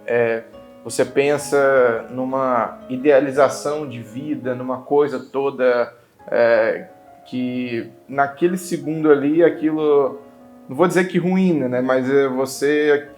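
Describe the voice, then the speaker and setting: A man in his twenties, interviewed for a documentary, speaking in a halting, thoughtful way with many restarts. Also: medium pitch. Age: 20s. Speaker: interviewee, father.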